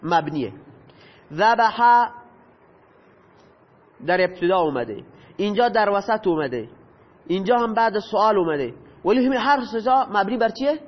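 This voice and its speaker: Man, teacher, high voice, patient lecture, reverberant hall, muffled audio. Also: lively intonation, long pauses. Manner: patient, asks and answers his own questions. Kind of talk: lecture explaining Arabic grammar. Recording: dull lo-fi audio with long reverb.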